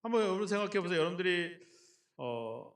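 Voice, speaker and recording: A man's voice: high voice, lively intonation, fast talker. A middle-aged male pastor preaching a sermon, telling joking personal stories and asking the congregation questions. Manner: folksy, joking storyteller who asks the congregation questions. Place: church sanctuary. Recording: echoey church from a distant mic.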